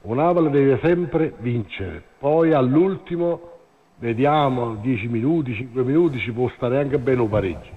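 A man's voice: medium pitch, animated. Man calling in over a tinny phone line. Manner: halting, repeats himself, lots of "eh" fillers. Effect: heard over a phone line. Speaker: caller. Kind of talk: phone-in chat about football. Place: calling in to a live radio show. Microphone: mobile phone.

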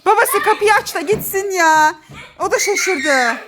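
High-pitched, excitable young woman vlogging. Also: measured pace, noisy background. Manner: excitable, laughing and squealing in fright. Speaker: mother and family vlogger. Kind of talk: casual family vlog. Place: indoors at home.

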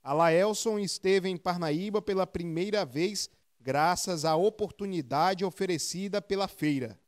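A male reporter with a northeastern Brazilian accent reading a news voice-over in a measured tone. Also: sits high. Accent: Brazilian Portuguese, northeastern. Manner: measured, read script.

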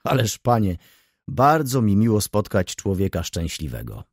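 A man's voice: lowish voice, very animated, moderate pace, husky, no room sound, studio quality. A man voicing a tired, brooding middle-aged merchant who answers briefly and reservedly.

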